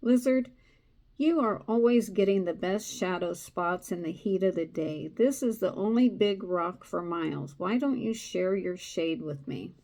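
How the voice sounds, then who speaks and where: Grumpy snake dude after some shade, read out by a lady, slow and mellow. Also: lowish voice, animated. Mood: impatient. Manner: read aloud from a card book. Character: annoyed hissing male snake seeking shade.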